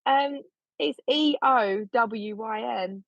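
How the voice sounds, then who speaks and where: A woman's voice: fairly high pitch, takes it slowly, gravelly, a bit bright, no echo. Woman podcast cohost, cheeky and blunt, kinda muffled dry sound. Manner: candid, jokey and blunt. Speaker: podcast co-host. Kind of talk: casual chat. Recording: slightly dull, dry recording.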